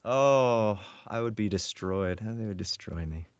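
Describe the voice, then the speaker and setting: A man speaking as a voice actor guest in a relaxed, self-deprecating interview chat. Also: on the low side, a little slow, clean tone, no echo. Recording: dull lo-fi dry sound.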